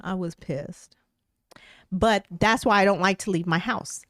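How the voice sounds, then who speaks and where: A woman co-hosting a podcast, telling a story in casual chat, animated and swearing as she vents her exasperation. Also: medium pitch, a little slow, dry recording, clean studio sound. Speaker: podcast co-host.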